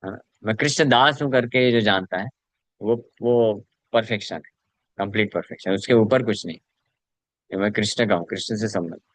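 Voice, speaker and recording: Here a male spiritual teacher speaks in a lowish voice at normal speed, with no echo in the recording. His devotional scripture lecture is explanatory in style, blending English terms with recited Sanskrit verses.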